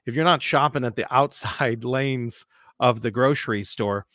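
A man's voice: medium pitch, moderate pace, fairly bright tone, dry recording, clean studio sound. A nasal-voiced man in his forties with a Midwestern accent, a gym coach telling stories on a casual podcast with emphatic energy. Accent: Midwestern American.

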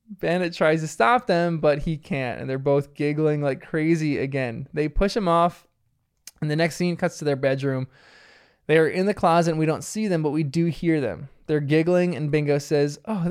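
A man's voice: fairly high pitch, creaky, clean tone. A man casually recapping a cartoon episode, often laughing as he retells the scenes.

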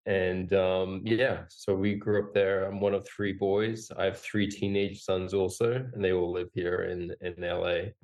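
A man's voice: low voice, level tone, a little slow, hardly any pauses, a little mellow. A man in his forties, an Australian-born company founder, speaking as a podcast guest in a rambling, casual way with self-deprecating humor. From Australia, raised in Singapore and Hong Kong. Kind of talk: casual conversational interview.

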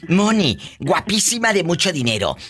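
A man's voice: high voice, sing-song, normal speed, fairly bright tone, slightly rough. A man hosting a call-in radio show, teasing and theatrical, with frequent gasps and laughter. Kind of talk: playful call-in radio chat.

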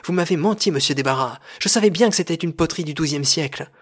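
Dude doing a worked-up potter in a goofy audio serial, high and loud, slightly husky, accusing everybody. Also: male voice, fast talker, close to an everyday voice. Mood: indignant. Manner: excited accusing cries. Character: indignant male potter, accusing and excitable.

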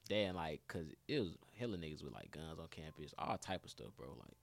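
A man's voice: very deep voice, brisk, gravelly. A young man telling a story in casual chat, full of slang and laughter, acting out what other people said. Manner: animated storytelling, acts out other people's lines; heavy slang, laughs often.

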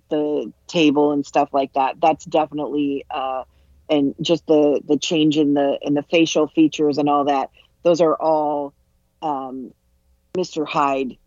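A man's voice: fairly high pitch, a little mellow, no echo. Man on a dull, dry lo-fi mic. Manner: halting, searching for words. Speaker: podcast co-host. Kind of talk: casual podcast chat.

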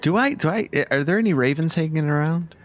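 A man playing a tabletop game in casual chat, halting and stammering as he restarts his sentences. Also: fairly high pitch, animated. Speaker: player.

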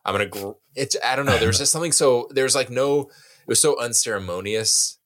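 A man's voice: medium pitch, a little fast, a bit bright. A man co-hosting a podcast, talking through a movie scene in a thoughtful, analytical way. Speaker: podcast co-host. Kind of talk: casual film discussion.

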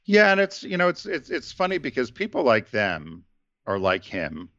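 A man's voice: mid-range voice, huge pitch swings, moderate pace, bright, forceful tone, dry recording, muffled recording. A man co-hosting a casual business talk show, rambling with many fillers and restarts. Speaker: podcast co-host.

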